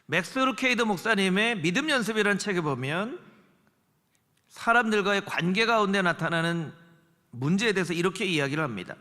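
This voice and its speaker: Male pastor, bright ringing voice, animated delivery, church sermon in a reverberant sanctuary. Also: high voice, a little fast. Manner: dramatic preaching, acting out quoted voices. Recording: long church hall reverb.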